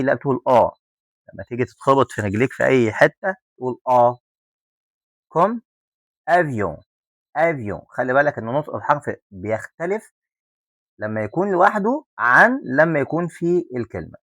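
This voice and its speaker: A man's voice: medium pitch, no echo. Egyptian man drilling French letters. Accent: Egyptian Arabic. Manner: drills letters slowly with repetition, joking asides. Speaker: French teacher. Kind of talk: spoken pronunciation lesson.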